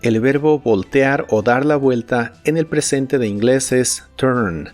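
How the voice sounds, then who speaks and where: Man calmly explaining a lesson. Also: mid-range voice, soft background music. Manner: explains clearly, says example phrases slowly and carefully. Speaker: language teacher. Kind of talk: scripted lesson narration.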